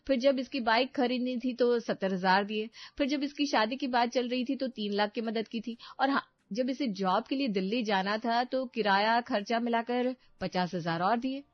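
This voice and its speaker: A woman's voice: a little high, normal speed, hardly any pauses, no room sound, natural voice. A calculating young wife in a storybook cartoon, put on by a woman narrator, lecturing and insistent in a raised voice. Every relationship becomes a sum to her. The sound is dry, dull and lo-fi.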